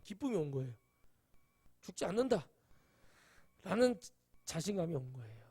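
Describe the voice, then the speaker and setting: A male pastor preaching a sermon emphatically, jumping to sudden high exclamations and acting out quoted voices. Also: creaky, darkish tone.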